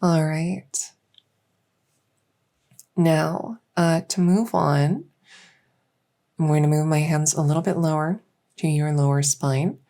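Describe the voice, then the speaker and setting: Playing a kindly fae doctor with buggy wings and a scaly tail, a woman performs a soft-spoken ASMR medical roleplay in a low, fairly even voice. She takes her time and reassures the listener, pausing hesitantly and at times drifting into a whisper.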